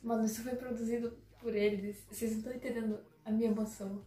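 A young woman hosting a casual live reaction, excitable and dramatic, often dropping to soft murmurs. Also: a little high, fast. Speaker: reaction video host. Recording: echoey room with faint music.

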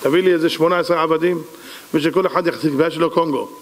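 A man's voice: a little high, fairly even intonation, natural voice. A man acting out a king's advisor in a parable, speaking in an earnest, patient and insistent way, in an echoey hall. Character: calm, persistent royal advisor, middle-aged man.

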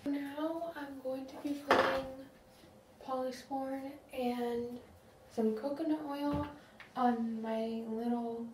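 A young woman vlogging her morning routine at home, soft-spoken and halting, often dropping to a half-whisper. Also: high voice, far from the mic, heavy background noise. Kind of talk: casual vlog narration. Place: home, bathroom and bedroom. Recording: echoey room at home.

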